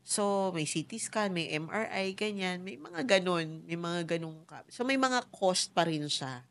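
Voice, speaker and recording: A middle-aged woman telling her own story as a guest in a talk show interview, soft-spoken and reflective, switching into English now and then. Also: lowish voice, a little slow. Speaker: interview guest, cancer survivor.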